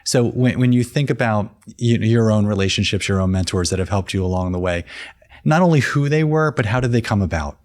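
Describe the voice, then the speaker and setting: A man's voice: on the low side, a little fast, darkish tone. A man hosting a podcast interview, asking thoughtful questions and often restarting phrases. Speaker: podcast host.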